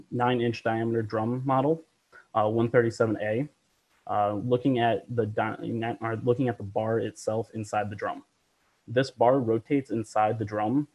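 A man's voice: mid-range voice, darkish tone. A young man, a student presenter, delivering a prepared presentation. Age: young adult.

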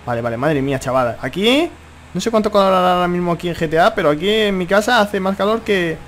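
Excitable high-voiced Spanish gamer. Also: male voice, fast, a little hiss or hum. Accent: Spain. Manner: excitable, exclaims and repeats himself often. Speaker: gaming YouTuber. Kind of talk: live gameplay commentary. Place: at home.

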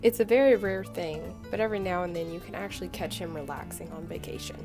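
A woman's voice: lowish voice, fast, music in the background. A young woman reading a scripted, fond narration about her grandfather.

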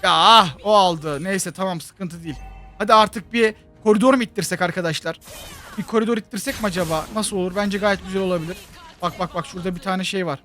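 A man with a Turkish accent talks over his mobile game, high-voiced and excitable, breaking into loud shouts at the big moments. Faint music runs behind his voice. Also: quick pace. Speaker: gaming channel host.

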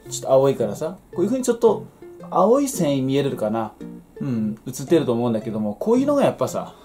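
A man's voice: mid-range voice, wildly swooping pitch, fast talker, warm tone. A man, chatting casually and explaining in a folksy way as he works with his hands. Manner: folksy, explanatory, talking while working with hands. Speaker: home vegetable grower and demonstrator. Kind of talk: casual how-to chat while working. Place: small cluttered indoor shed or workroom. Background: plucked guitar music.

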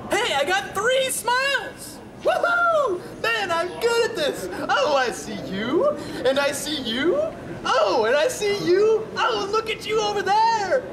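A man's voice: very high voice, big pitch swings, unhurried, heavily acted. A man voicing a nervous, chatty young male robot who performs for a crowd, heard over speakers in an exhibit hall. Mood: excited. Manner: jittery, eager, boyish. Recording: roomy hall, crowd behind.

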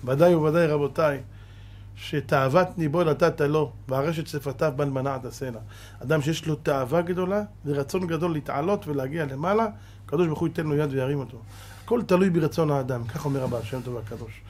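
A man who is a rabbi, giving a sermon in an emphatic preaching manner, asking rhetorical questions and sometimes bursting out loud. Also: a little high.

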